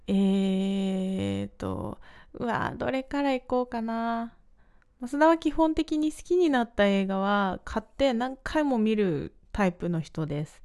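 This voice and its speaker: A woman's voice: medium pitch, darkish tone. Chatty woman hosting a solo radio talk. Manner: rambling, self-mocking, chatty. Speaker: host.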